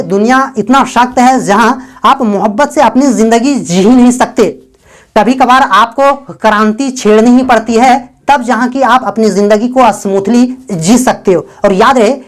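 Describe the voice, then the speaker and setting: Woman tutor, higher-pitched, patient step-by-step explainer who drills phrases slowly. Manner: explains step by step, repeats English sentences slowly. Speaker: English teacher. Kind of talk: spoken English lesson in Hindi.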